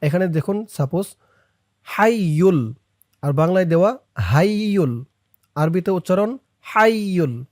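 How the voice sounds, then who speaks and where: In a recitation lesson taken one step at a time, the teacher rattles off quick explanations, then chants slow, stretched-out phrases for viewers to repeat. The mid-range voice is dark in tone, and the studio-quality recording has no room sound.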